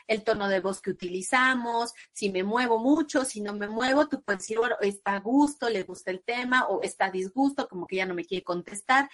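A Mexican-accented woman appears as a psychologist guest on an interview podcast, giving long, conversational explanations. When she quotes other people, her pitch leaps about in a lively way.

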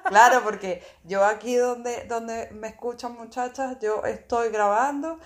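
A woman co-hosting a casual podcast from a friend's house, talking in a lively, chatty way and swearing freely. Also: on the high side, measured pace, a crowd in the background. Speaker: podcast co-host. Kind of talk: casual chat.

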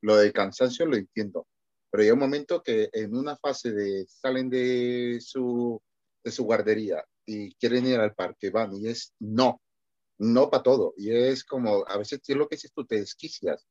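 A father joining an online talk, telling about his toddler in a lively, exasperated way. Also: medium pitch, unhurried, dry recording, dull audio. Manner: animated, exasperated storytelling. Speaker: parent participant. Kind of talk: casual question in a talk. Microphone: video call.

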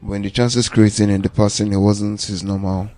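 A man's voice: on the low side, flat delivery, normal speed, dark tone, no echo. A man hosting a casual sports podcast, emphatic and given to repeating words. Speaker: podcast host leading the discussion.

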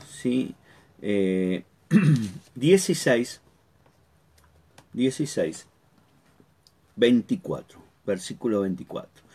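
A man teaching a Bible lesson, halting often, repeating words and checking in with the listener. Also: mid-range voice, mellow.

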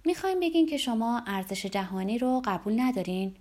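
A woman's voice: fairly high pitch, lively intonation, darkish tone, close to an everyday voice. A woman reading aloud, voicing a curious, suspicious young woman who asks pointed questions.

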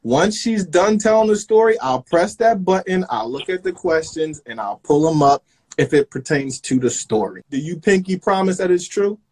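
A man hosting a live online chat show, lively as he explains the rules to viewers. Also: sits high, normal speed, rough recording. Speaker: host.

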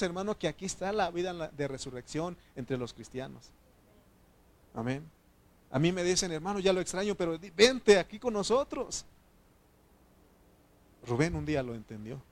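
A man preaching a sermon as pastor, fervently calling his listeners brother and putting questions to them. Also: high-pitched. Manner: asks the congregation questions.

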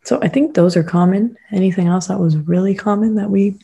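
A young woman co-hosting a podcast in casual chat, easygoing and quick with "mm-hmm" replies. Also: medium pitch, gravelly, mellow, husky. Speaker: podcast co-host.

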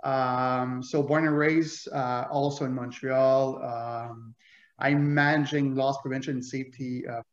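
French Canadian man, halting and level in tone, heard over an echoey lo-fi remote line. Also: mid-range voice, flat delivery. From Quebec, Canada. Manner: hesitant, many fillers. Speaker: guest. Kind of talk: casual interview. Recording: roomy, dull lo-fi remote audio.

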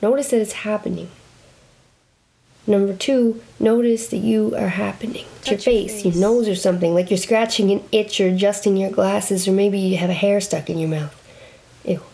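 A woman performing a reflective spoken-word monologue, slow and deliberate, speaking intimately to the listener and asking many questions. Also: mid-range voice, fairly even intonation, gravelly, rough recording. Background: loud guitar music.

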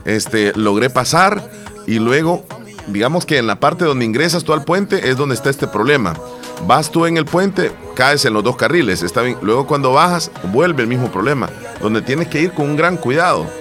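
A man co-hosting a casual talk show, telling a story with lively quoted lines and frequent restarts. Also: medium pitch, moderate pace, soft background music. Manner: animated storytelling, acts out quotes, many restarts. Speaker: co-host. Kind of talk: casual chat.

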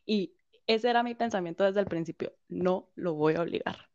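A woman, telling a personal story as a guest, animated, quoting others and laughing often. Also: mid-range voice, moderate pace, no echo. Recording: slightly dull, dry.

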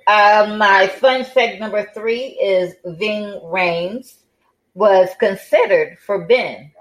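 A woman hosts a podcast at a slow, unhurried pace, tired and yawning as she talks. She fills her speech with ums and uhs and restarts often. Her pitch sits in an ordinary middle range. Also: rough recording. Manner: unhurried, with many fillers and restarts. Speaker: podcast host. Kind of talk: casual podcast chat.

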